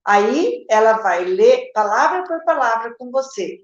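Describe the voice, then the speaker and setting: A woman's voice: on the high side, lively intonation, measured pace, roomy sound, lo-fi sound. A woman with a Brazilian Portuguese accent, a literacy teacher answering viewer questions in a live session, explaining step by step and checking in with her viewers. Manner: explanatory, addresses viewers directly with "gente" and "tá?".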